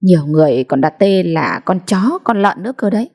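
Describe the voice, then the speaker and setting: A woman's voice: fairly low pitch, expressive, brisk, creaky, a little mellow. Storybook mother, plain talk, scolds but fond a woman reader doing her. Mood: chiding. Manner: scolding, matter-of-fact.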